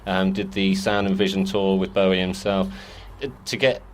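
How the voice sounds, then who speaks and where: A man's voice: sits low, completely flat delivery, normal speed, a little hiss or hum. A man guest in a casual interview, telling rambling, self-deprecating stories with frequent restarts. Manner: chatty storyteller, self-deprecating, many restarts. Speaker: musician guest.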